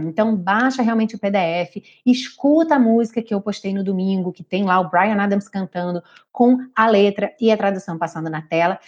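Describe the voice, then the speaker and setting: A woman with a Brazilian Portuguese accent runs a live online English lesson. She drills each sound patiently and repeats words slowly so learners can copy her. The stream audio is dull and lo-fi. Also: mid-range voice, darkish tone. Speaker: English teacher.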